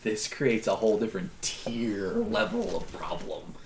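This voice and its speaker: A man's voice: fairly low pitch, huge pitch swings, unhurried, gravelly, reverberant, slight background noise. A man playing a tabletop game who talks animatedly and laughs often. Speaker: player. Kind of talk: tabletop game play, casual chat.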